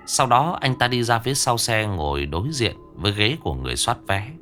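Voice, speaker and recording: Deep-voiced man narrating a ghost story. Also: lively intonation, fairly quick, music in the background.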